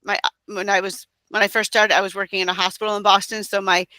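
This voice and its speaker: A woman's voice: mid-range voice, flat delivery, fast talker, bright, forceful tone, dry recording. A woman in her thirties, an interview guest, talking casually and rambling with many fillers. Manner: rambling, frequent fillers and restarts. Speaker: guest, direct-sales entrepreneur.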